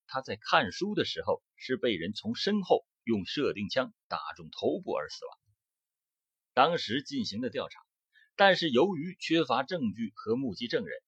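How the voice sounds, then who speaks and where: A man narrates a true-crime case from a script, his pitch rising and falling widely as he builds emphasis. His voice is slightly husky. The recording is dry and dull, with no room sound. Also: a bit bright, no room sound. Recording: dull close-miked dry audio.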